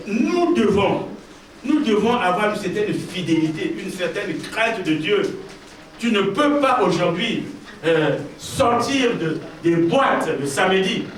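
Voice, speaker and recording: With a high, expressive voice that rises and falls widely, a male pastor gives an emphatic sermon in a church hall, repeating his key phrases and speaking right to the congregation. The recording is very echoey and distant, with a faint hiss underneath.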